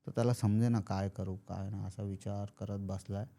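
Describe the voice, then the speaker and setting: Man telling a horror story, dark voice. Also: lowish voice, little pitch movement, normal speed. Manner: acts out characters' lines in quoted speech. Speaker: podcast guest storyteller. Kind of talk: casual spoken horror storytelling.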